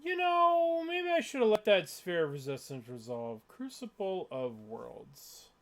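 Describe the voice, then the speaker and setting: A man's voice: high-pitched, sing-song, a little slow. A man casually thinking aloud as he plays a card game, muttering his moves and swearing when frustrated. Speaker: player commentating his own online card game matches. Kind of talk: casual gameplay commentary.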